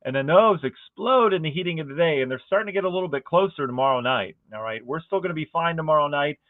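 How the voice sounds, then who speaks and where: A man giving a casual, conversational weather forecast, excited about the pattern and often asking viewers rhetorical questions. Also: fairly high pitch, quick pace, dry recording. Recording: dry, phone-like narrow band.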